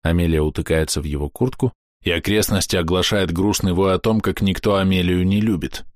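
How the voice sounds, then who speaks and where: A man narrating an audiobook in a measured, expressive way. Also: low-pitched, no room sound, studio quality.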